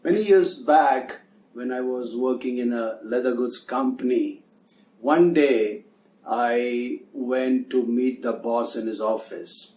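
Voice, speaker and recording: A middle-aged man, a soft skills trainer telling a story as a lesson in an earnest, conversational way. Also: mid-range voice, takes it slowly, slight background noise. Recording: echoey room, distant mic, faint ambience.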